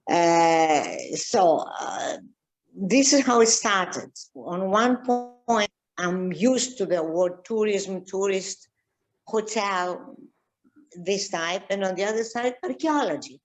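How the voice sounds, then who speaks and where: An older woman from Egypt, a tour guide and archaeologist, chatting casually and slowly with many fillers and restarts. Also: medium pitch, expressive. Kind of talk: casual video-call chat.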